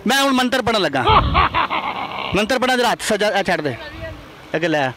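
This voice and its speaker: A man's voice: high-pitched, expressive, fairly quick, background noise. A man hosting a comedic street interview outdoors, playful and pushy as he coaxes passers-by. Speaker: comic street interviewer and prankster.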